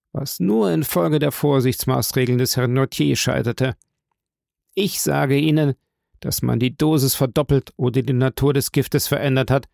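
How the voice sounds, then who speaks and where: A man's voice: medium pitch, vocal fry, darkish tone, no echo, studio quality. A man voicing a passionate, grief-stricken young man who speaks in fervent, insistent repetitions.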